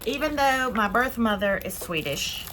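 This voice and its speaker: A woman from Spain hosting a casual haul vlog, chatting excitedly as she unboxes her purchases. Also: fairly high pitch, normal speed, slight background noise. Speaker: vlog host.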